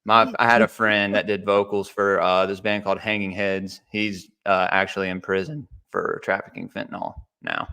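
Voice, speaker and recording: Laid-back man, low smooth voice. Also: flat delivery, moderate pace, hardly any pauses, sharp tone. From Mississippi, USA. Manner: laid-back, swears freely, peppers speech with "dude" and "bro". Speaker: podcast host. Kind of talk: casual podcast chat.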